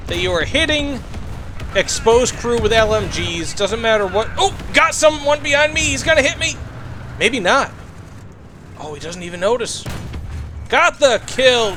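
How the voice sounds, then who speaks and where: A high, bright-voiced man narrates his own tank battle, his voice jumping around as he reacts. He talks casually to viewers, hands out tips and fills the gaps with lots of uhs. Faint background noise sits under his voice. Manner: excited, chatty, lots of fillers. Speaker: gaming commentator. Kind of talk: gameplay commentary with tips.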